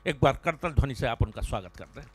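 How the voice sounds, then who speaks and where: A man's voice: medium pitch, expressive, fast, breathy edge. A man compering a poetry gathering, introducing the next poet in formal, declamatory Hindi and reciting verse.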